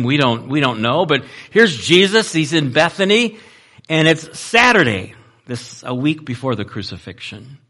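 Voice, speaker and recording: A male pastor preaching a sermon, telling the story in an animated way and repeating words as he restarts. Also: medium pitch. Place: church.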